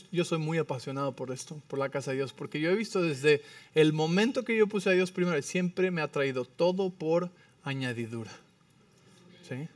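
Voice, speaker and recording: A male pastor in his thirties delivers a lively sermon and keeps checking in with his listeners. His voice sits high for a man. The sound is dry and picked up from a bit away from the mic. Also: no room sound, far from the mic. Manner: animated preaching, frequent "¿sí?" check-ins.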